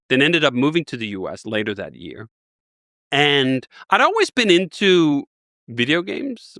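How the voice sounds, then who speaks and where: Man in his 40s from Denmark, bright tense voice, dry close sound; an eager storyteller rambling through an interview. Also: mid-range voice, dry recording. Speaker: guest. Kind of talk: casual interview talk.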